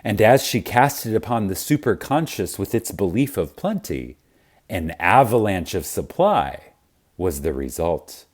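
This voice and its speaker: This audiobook of spiritual teachings is narrated by a man whose voice is low and deep. He speaks with great reverence, very slowly, letting pauses sit, and makes big pitch swings to emphasize key words.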